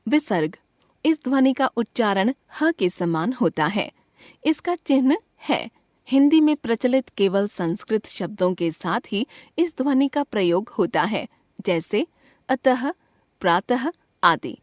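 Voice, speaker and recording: A woman teaching from a school textbook, reading it out slowly and deliberately, spelling out each letter and example. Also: a little high, sing-song, no room sound, studio quality.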